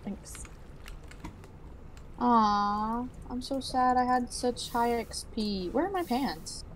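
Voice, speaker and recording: A young woman plays along with a friend in a casual gaming chat, giggling often and quickly turning panicky and pleading. Her voice sits fairly high, with a faint hiss behind it. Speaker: co-player.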